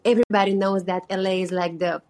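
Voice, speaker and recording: Talking fast in a level tone, this young woman from Romania is the singer-songwriter guest on a call-in show. Her voice is mid-range and a little mellow, her Romanian accent is clear, and her earnest chatter is full of "like."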